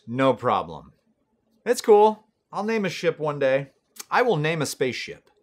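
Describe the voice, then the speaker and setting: Animated sarcastic man hosting comedy. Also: mid-range voice. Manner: sarcastic, mock-boastful, animated. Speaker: comedy web show host. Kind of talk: scripted comedic commentary.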